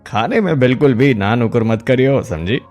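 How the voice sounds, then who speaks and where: A man playing a scheming goat thief in an animated story, wheedling and mocking with a sly, lively voice that swoops up and down. mid-pitched and everyday-sounding, with greed in every line. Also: normal speed, soft background music, lightly acted.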